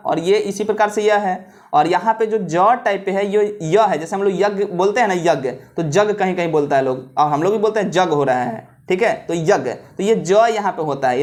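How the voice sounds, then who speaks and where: A man teaching an old script, repeating himself and checking in with the listener often. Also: sits high. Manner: repetitive, checks in with "ठीक है" often; slows down to spell out letters. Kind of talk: classroom-style script lesson.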